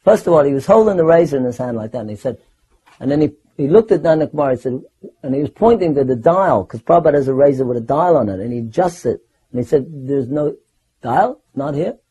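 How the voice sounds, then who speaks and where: An older man recounting personal memories in a rambling, animated way, often restarting his sentences. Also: medium pitch, fast talker, husky, poor audio. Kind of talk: personal anecdote storytelling.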